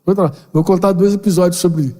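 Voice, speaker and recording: An older man, a pastor, giving a lively conversational sermon to a seminar, acting out little dialogues with playful slang. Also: high voice, fast. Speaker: pastor leading a parenting seminar. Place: church building hall. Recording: long hall reverb.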